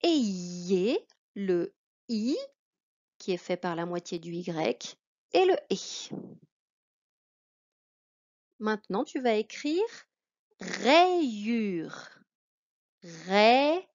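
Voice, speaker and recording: A woman with a French accent teaching a reading lesson to a child, speaking slowly and carefully. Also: medium pitch, big pitch swings, darkish tone. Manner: slow, careful, addressing a child. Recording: dull lo-fi recording.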